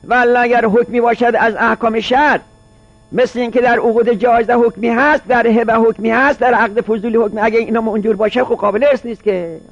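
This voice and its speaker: Guy teaching a seminary class, very high voice, reads arabic bits then explains them casually, muffled lo-fi sound. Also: steady tone, no room sound. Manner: reads Arabic text aloud, then explains it in colloquial speech. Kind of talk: lecture explaining a classical legal text.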